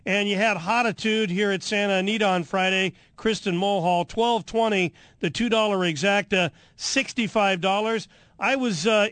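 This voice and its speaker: A man's voice: sits high, fairly bright tone, dry recording. A man hosting a sports radio show from a studio at a ballpark, rambling with frequent fillers as he loses his voice. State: losing his voice. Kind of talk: casual radio talk.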